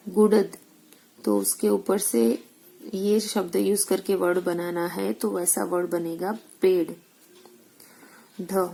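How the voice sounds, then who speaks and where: A woman teacher with a medium-pitched, gravelly, dark voice works through textbook exercises in a recorded school lesson, asking questions and answering them herself while mixing in English words. The audio quality is poor.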